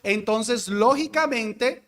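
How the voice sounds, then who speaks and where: High-pitched guy leading bible class, asks the group stuff then answers it, echoey hall. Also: takes it slowly, fairly bright tone. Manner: explanatory, asks the class questions and answers them. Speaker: deacon teaching Bible class.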